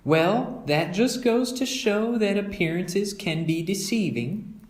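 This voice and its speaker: Man voicing a calm motherly bear, pitched up. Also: slow pace, roomy sound. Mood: gently explaining. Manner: gently firm, explaining. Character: motherly adult female bear, calm and reassuring.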